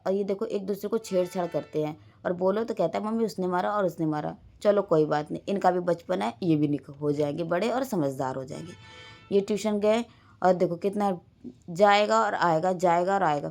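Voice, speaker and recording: A woman's voice: lowish voice, mellow. A woman, a mother, casually narrating her day over a home vlog and quoting her children along the way. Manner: rambling everyday storytelling, quoting her children. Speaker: vlogger and mother.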